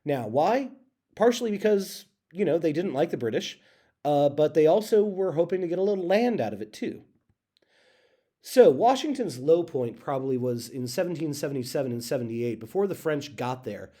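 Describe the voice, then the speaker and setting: Teacher type: man, mellow and loose, lots of ums and restarts. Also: fairly high pitch, animated. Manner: casual, halting, with many fillers and self-corrections. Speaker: history teacher. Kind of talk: recorded classroom lecture.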